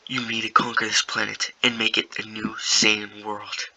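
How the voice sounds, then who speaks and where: A man voicing a stern, commanding alien king who gives slow, firm orders. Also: lowish voice, little pitch movement, creaky, sharp tone, a little hiss or hum, heavily acted, poor audio.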